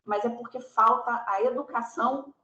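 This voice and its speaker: A woman host and fellow clinician speaking in a measured, reflective way over a video call. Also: on the high side, steady tone, bright, forceful tone, highs cut off. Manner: measured, reflective, builds on the guest's points. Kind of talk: reflective conversation in an online talk. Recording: echoey room, faint background noise.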